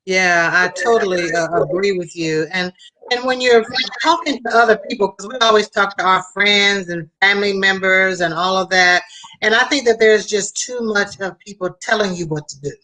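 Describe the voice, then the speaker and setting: A woman's voice: medium pitch, moderate pace, pushed and bright, poor audio. A woman hosting a conversational motivational show, giving advice emphatically and addressing listeners directly. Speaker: host.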